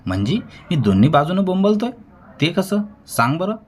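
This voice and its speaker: A man's voice: a little high, big pitch swings, moderate pace, slight background noise, pitched above the performer's own voice. Guy doing a snooty landlord, shrieky mocking voice. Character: haughty middle-aged village landlord.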